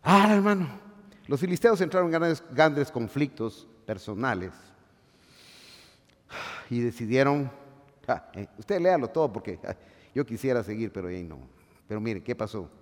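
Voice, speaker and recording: Animated preacher in a reverberant hall. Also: male voice, medium pitch, normal speed, long pauses. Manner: animated preaching, swings from shouting to hushed asides. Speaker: pastor. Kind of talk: sermon.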